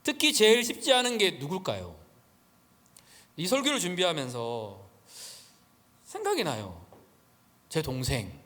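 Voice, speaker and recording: A middle-aged man preaching a sermon as pastor, telling stories in a lively way with many fillers. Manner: animated storytelling, frequent fillers, rapid pitch swings. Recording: long hall reverb.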